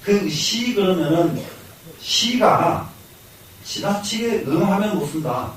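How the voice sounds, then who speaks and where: A man's voice: sits high, animated, slow, a little hiss or hum. An older man, a Buddhist monk with a Jeolla Korean accent, giving a lecture. He repeats key lines, asks questions and answers them himself, and chuckles now and then. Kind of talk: classroom lecture. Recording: echoey hall, mic from far off.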